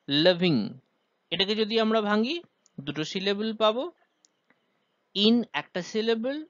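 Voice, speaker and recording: A man's voice: high voice, dry recording, dull audio. A man teaching a poem's rhyme scheme and meter, explaining step by step with frequent "ah" hesitations. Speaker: literature teacher.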